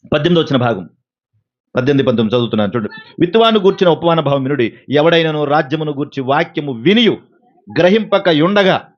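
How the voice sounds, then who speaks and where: A man preaching a sermon, animated, asking the congregation questions and acting out everyday exchanges. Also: on the high side. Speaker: pastor. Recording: dull, lo-fi recording.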